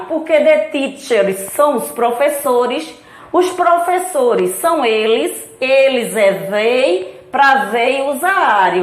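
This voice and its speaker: A woman's voice: high voice, echoey room. A woman English teacher, patiently explaining grammar rules and repeating them step by step. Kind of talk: slow explanatory classroom lesson.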